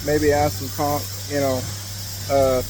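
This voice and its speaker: Slow, rambling young man working on a car. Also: fairly high pitch, level tone. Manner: rambling, full of fillers and restarts. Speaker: hobby mechanic vlogger. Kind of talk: casual work-along commentary. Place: outdoors in a driveway beside a truck. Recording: noisy outdoor camera audio.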